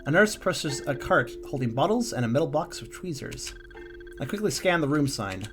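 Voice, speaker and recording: A man reading a text game aloud with a calm, musing delivery and small slips and asides. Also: fairly high pitch, normal speed.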